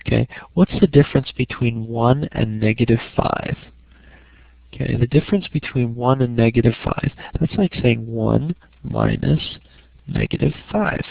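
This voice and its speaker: Creaky-voiced man teaching basic math. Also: mid-range voice, unhurried, no echo. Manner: checks understanding with frequent "okay". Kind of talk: informal explanatory lesson. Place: small room at home. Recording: dry, dull lo-fi home recording.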